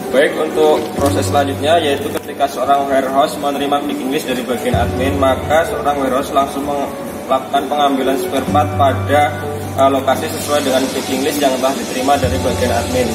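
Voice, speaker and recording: A warehouse staffer with a mid-range voice demonstrates workplace procedures methodically, hesitating often as he goes. The recording is rough and sounds roomy.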